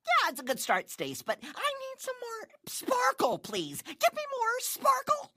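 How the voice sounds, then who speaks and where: A fussy, self-important young director in a radio drama bit. The voice is very high and bright, and it swoops wildly for theatrical effect. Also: female voice, wildly swooping pitch, unhurried, heavily acted. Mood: bossy. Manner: bossy, theatrical.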